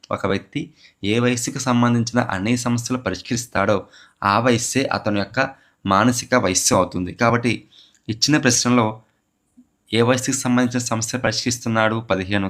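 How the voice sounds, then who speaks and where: A man's voice: mid-range voice, fairly bright tone. A man teaching psychology for a teacher exam, asking a question and then answering it himself, and repeating key terms to drive them home. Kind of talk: exam question walkthrough lecture.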